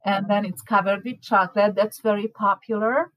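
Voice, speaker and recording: A woman's voice: mid-range voice, fairly even intonation, normal speed, dry recording, poor audio. A woman from Hungary with a Hungarian accent, chatting casually as a baking class teacher, laughing often and restarting her words. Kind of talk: casual chat.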